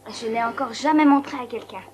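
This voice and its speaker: A woman's voice: fairly high pitch, fairly quick, slight background noise, lightly acted. A woman dubbing a lonely young hospital patient in a French film, eager and confiding.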